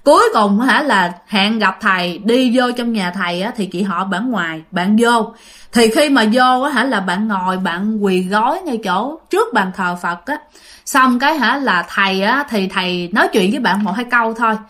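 A woman's voice: medium pitch, animated, moderate pace, a bit bright. A woman telling a ghost story in a chatty, informal way, speaking straight to her listeners.

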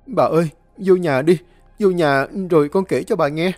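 A man's voice: a little high, normal speed, a little mellow, no room sound, faint music behind, voice pushed up, lightly acted. A man voicing a timid young male servant in a storybook tale, stammering and crying out in fright. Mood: urgent. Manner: stammering, panicked cries.

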